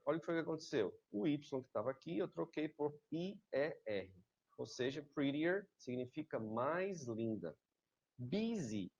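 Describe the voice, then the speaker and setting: A man teaching a grammar lesson over a webcam, with a middle pitch and a patient, step-by-step manner. He checks in with the listener after every point. The sound is slightly dull, like a lo-fi home recording. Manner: explains slowly, often checks with "certo?" and "tá?". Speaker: English teacher. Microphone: webcam video lesson.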